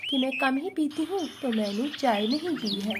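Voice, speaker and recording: A woman's voice: high-pitched, expressive, moderate pace, heavy background noise. A woman voicing a mother doll in a doll play story, talking in a busy, motherly and urgent way.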